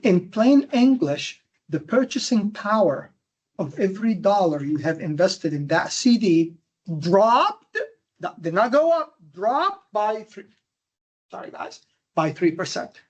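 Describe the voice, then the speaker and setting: A man from Jordan with a Jordanian accent giving a classroom lecture, animated and emphatic, firing questions at his students. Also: high-pitched, a little slow. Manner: animated, emphatic, quizzing the audience with rhetorical questions. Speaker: university lecturer.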